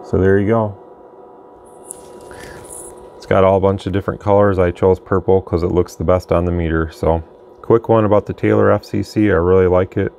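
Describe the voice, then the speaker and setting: Working at his indoor workbench, this radio bench reviewer and channel host rambles casually and plainly through a product demo. His low, gravelly, darkish voice holds a level tone at moderate pace, broken by long pauses. The sound is lo-fi, with faint background noise and room ambience.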